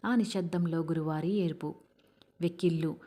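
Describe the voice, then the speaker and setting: A woman narrating a novel as an audiobook in a measured storytelling manner. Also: deep voice, fairly even intonation, warm tone.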